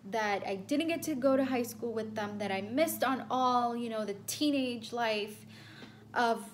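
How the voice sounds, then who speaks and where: In a fairly high, unhurried voice, a young woman from El Salvador rambles through a personal story for her vlog. She chats casually, leaning on ums and repeated phrases, with a slight hiss or hum in the background.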